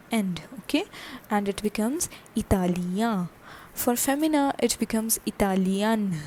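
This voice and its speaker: A woman teaching a French lesson in English, slowly repeating each word and saying "okay" often. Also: mid-range voice, a little mellow, slight background noise. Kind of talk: online language lesson.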